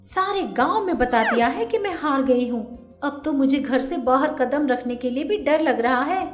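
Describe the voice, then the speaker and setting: Woman voicing a shrill, greedy young daughter-in-law. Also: lively intonation. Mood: tearful. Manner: shrill, quick to anger, whiny when upset. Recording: roomy echo, faint music.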